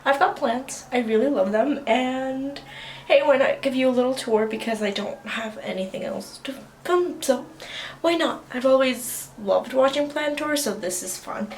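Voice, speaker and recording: In a high-pitched voice at a moderate pace, this southern Californian teen vlogger chats with lots of fillers while showing viewers her plants around her apartment room and bathroom. She has a slight Armenian Russian accent, and the poor audio carries slight background noise.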